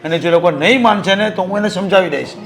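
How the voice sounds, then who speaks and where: A man playing a gently reassuring grown son. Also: high-pitched, fast. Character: grown son reassuring his weeping mother. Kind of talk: Gujarati short film acting.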